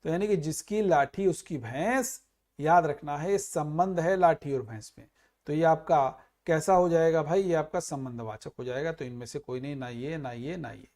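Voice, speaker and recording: A male teacher running an exam prep grammar lesson, explaining each answer with everyday examples and dropping low and quiet on the answers. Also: moderate pace. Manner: explains with everyday examples, calls students "bhai".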